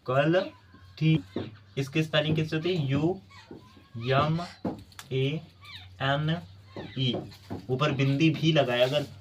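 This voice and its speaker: A man teaches a spelling lesson, sounding out each letter in turn and explaining it patiently. His voice sits at an ordinary middle pitch. A faint noise runs under the recording. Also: a bit bright. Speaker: English teacher.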